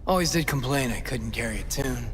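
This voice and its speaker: A man playing a jaded, foul-mouthed aging rock musician in a video game, gruff and theatrical. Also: mid-range voice, brisk, slight background noise, close to an everyday voice. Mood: guarded, sardonic.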